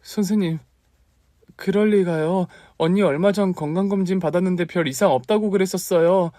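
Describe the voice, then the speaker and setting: An emotional young aunt, as a man puts her on, her voice lifted well above the reader's own register. She is earnest and expressive, swinging between pleading and fond teasing. The voice is recorded close and dry. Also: a little high, moderate pace, dry recording, pitched above the performer's own voice, natural voice. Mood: shocked pleading. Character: young woman, devoted aunt raising her nephew. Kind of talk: dramatized story reading.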